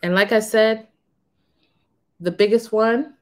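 A woman in her thirties talking frankly to camera in a casual, unhurried way from a small room. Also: fairly high pitch, fairly even intonation, a little mellow. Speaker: vlogger on renting. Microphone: camera in front of her.

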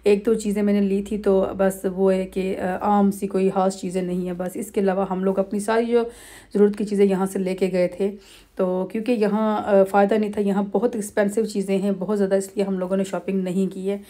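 A middle-aged woman from Pakistan, narrating a family holiday vlog over clips in a relaxed, rambling way with many pauses and fillers. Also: mid-range voice. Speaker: vlogger.

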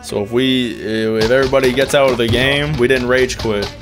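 A young man talking like a hyped, excitable gamer bro, swearing and trash-talking loudly with friends during an online shooter. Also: medium pitch, moderate pace. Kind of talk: casual game chat with trash talk. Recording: loud music behind the voice. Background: music.

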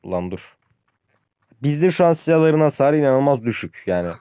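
A man's voice: medium pitch, sing-song, moderate pace, mellow, clean tone, no room sound, studio quality. A young man giving casual gameplay commentary to his viewers, complaining at length about weak weapons and losing matches. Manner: frustrated, ranting about the game; addresses viewers as friends, says "abi" often. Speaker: gaming youtuber.

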